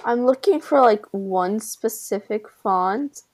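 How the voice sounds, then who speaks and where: A woman co-hosting a casual live stream, excitable and laughing easily. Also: medium pitch, slow, no room sound. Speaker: streamer co-host. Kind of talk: casual chat.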